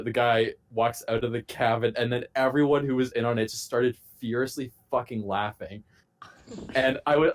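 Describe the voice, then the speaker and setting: A man on a casual podcast, telling a long profane story in a rambling, animated way. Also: medium pitch. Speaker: podcast host.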